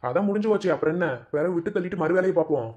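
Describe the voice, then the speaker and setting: A man's voice: sits high, darkish tone, lo-fi sound, close to an everyday voice. A man voicing a grown village son in a cartoon, coaxing his mother in a Madurai Tamil accent. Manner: brisk, coaxing.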